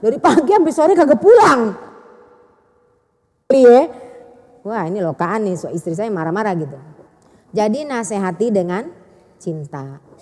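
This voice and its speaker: A woman preacher, giving a chatty, animated sermon to women and acting out dialogue. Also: medium pitch, a little slow, pauses often, long reverb tail. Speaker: Islamic preacher.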